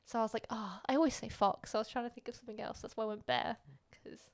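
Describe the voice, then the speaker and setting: A woman's voice: a little high, fairly even intonation, rapid-fire. A woman co-hosting a casual podcast chat, playful and giggly, often trailing off mid-sentence. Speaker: podcast co-host.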